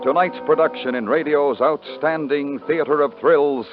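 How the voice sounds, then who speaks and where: A man announcing a radio drama in a smooth, formal, dramatic manner. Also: on the high side, moderate pace. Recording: tinny 1950s radio broadcast with music.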